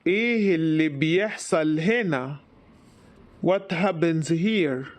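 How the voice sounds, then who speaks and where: This is a man teaching his language, with an Egyptian Arabic accent. His voice sits a little high for a man, and his delivery is extremely slow. He answers each phrase by repeating it in its male form. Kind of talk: slow phrase drill for learners.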